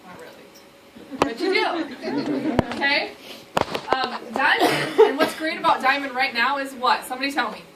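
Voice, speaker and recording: A woman presenting to a live audience at a sales event, energetic and rallying, checking in with "okay?" again and again. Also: sits high, moderate pace. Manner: energetic, rallying the crowd, keeps asking "okay?". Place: indoor meeting room with an audience. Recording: echoey room, distant mic, noisy.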